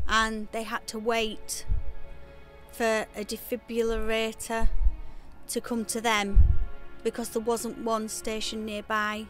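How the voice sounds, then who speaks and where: A woman with a slightly high voice explains things in a plain, matter-of-fact way. Soft music plays behind her. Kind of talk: casual interview.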